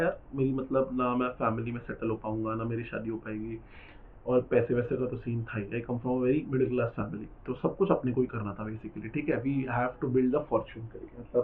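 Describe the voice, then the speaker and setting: A young man, a chatty, teasing lecturer telling a story to his class and slipping into English phrases. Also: medium pitch. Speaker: accounting exam lecturer. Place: classroom with students. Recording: tinny phone-like lecture recording.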